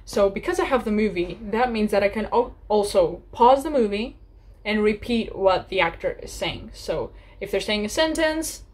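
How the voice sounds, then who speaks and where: A young woman in her twenties giving casual language-learning advice in a chatty, animated vlog, often laughing. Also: mid-range voice, moderate pace. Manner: chatty and animated, laughs often, acts out little sample dialogues.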